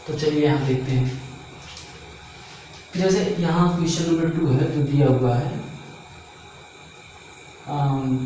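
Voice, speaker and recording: A man's voice: on the high side, warm tone. A male math teacher explains a lesson step by step and keeps asking the class rhetorical questions as he works. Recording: echoey room, voice from far off, faint noise.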